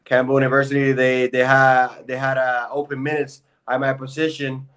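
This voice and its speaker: A man's voice: medium pitch, completely flat delivery, normal speed, a bit bright. A man in his thirties from Puerto Rico, a pro basketball player telling his story in a laid-back, casual interview chat.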